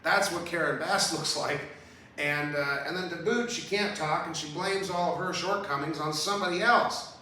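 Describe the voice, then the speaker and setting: A man's voice: a little high, moderate pace, pushed and bright. Profane, heated man ranting in a roomy space. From Southern California. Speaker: podcast host. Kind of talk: casual political rant. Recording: roomy, distant mic with faint hiss.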